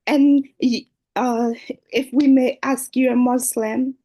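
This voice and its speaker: A woman's voice: sits high, fairly even intonation, takes it slowly, mellow, rough recording. A woman hosting an online dating show over a video call, speaking hesitantly with many fillers. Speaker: host.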